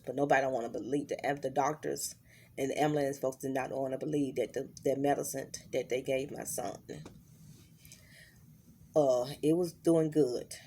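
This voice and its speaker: Middle-aged woman, raspy low fry, anxious and halting diary vlog; faint noise. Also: darkish tone. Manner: halting, many fillers and restarts. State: worried, holding back tears. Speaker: vlogger.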